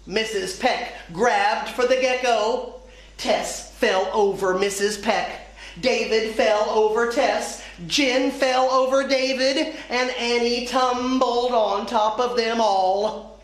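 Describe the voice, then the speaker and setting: A woman teacher reading a children's story aloud in a slow, clear storytelling manner. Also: on the high side, fairly even intonation. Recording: echoey room.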